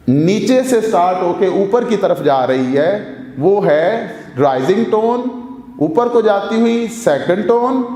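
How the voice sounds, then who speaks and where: A man's voice: high-pitched, mellow. A man teaching a video language lesson, patient and formal, going over each point step by step. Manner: formally addresses viewers. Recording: echoey room with long reverb.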